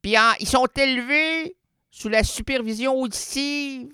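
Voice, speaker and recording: A man with a Québécois accent hosting a late-night radio show in a rambling, playful comic monologue, full of vocal sound effects and sudden jumps in pitch. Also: measured pace, bright, forceful tone, smooth, no room sound, studio quality. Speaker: radio host. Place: radio studio.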